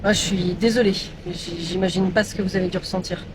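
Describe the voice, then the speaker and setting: A woman's voice: lowish voice, fairly even intonation, a little fast. Hesitant, awkward woman in a comedy sketch. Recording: noisy background.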